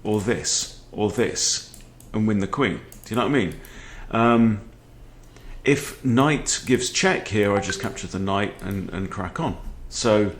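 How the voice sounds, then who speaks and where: Man, forties, low voice, casual chess commentary, conversational, explanatory. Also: animated, slow, slight background noise. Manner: conversational, checks in with the viewer with short questions. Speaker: chess video host. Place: book-lined room at home, indoors.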